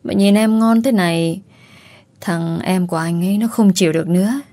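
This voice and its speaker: A cruel, leering man threatens and mocks his former wife in a storybook reading, voiced by a woman. The voice sits low and sounds close and dry, coarse in every word. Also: moderate pace, dark tone, dry recording, lightly acted. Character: brutal abusive ex-husband, grown man.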